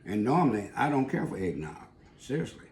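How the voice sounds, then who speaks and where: A man's voice: mid-range voice, sing-song, fairly quick, darkish tone, reverberant, slight background noise. A man co-hosting a home cooking vlog, tasting the food and teasing playfully. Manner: playful, teasing, talks with his mouth full. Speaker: co-host, taste tester. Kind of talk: casual cooking vlog chat.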